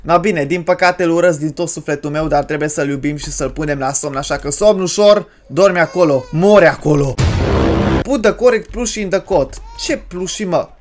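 A gaming creator, giving crude, joking let's-play commentary on a horror game, with sudden loud yells. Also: mid-range voice, few pauses, faint music behind. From Romania.

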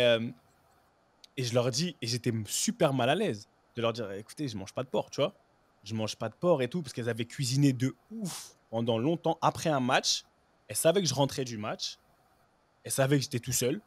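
A man in mid pitch telling stories from his playing days with loose, lively energy. He peppers his talk with "you know" and stray English words. The sound is close and dry, with no room around it. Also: no room sound. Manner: lively anecdotes, "tu vois" fillers, bits of English. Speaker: guest, former pro footballer. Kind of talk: casual storytelling chat.

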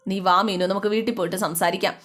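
A woman's voice: medium pitch, steady tone, quick pace, a bit bright, natural voice. A woman voicing a hurt young bride who pleads and asks indignant questions about her family. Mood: pleading.

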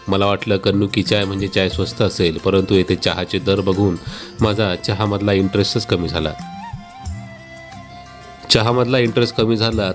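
Brief: low-voiced man, dry deadpan humor, travel vlog narration over soft music. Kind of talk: scripted comic voice-over narration.

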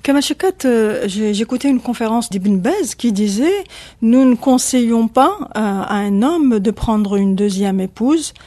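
A woman's voice: a little high, lively intonation, measured pace, dark tone. A woman interviewing on the radio, asking probing and challenging questions.

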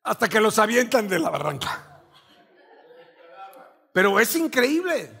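A middle-aged man with a Mexican accent preaching a sermon as pastor, telling a story with animated energy and acting out shouted commands. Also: high-pitched, slightly rough.

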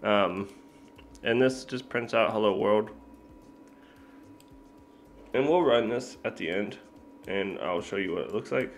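A man's voice: on the low side, a little slow, long pauses, slight background noise. A man giving a casual screen-recorded coding tutorial, laid-back and thinking aloud with lots of fillers and self-corrections. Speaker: programming tutor.

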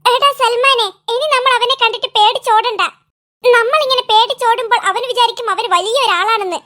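A squeaky, very high little cartoon boy, voiced by a woman, full of bluster and quick to boast. His tone is bright and sharp. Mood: urging. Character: bold hot-headed little boy. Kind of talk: cartoon voice acting.

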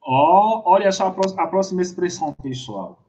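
A man teaching a live online language lesson, drilling words through slow repetition, switching between two languages and chuckling often. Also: high voice, lively intonation, warm tone, dull audio. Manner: switches between French and Portuguese. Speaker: French teacher.

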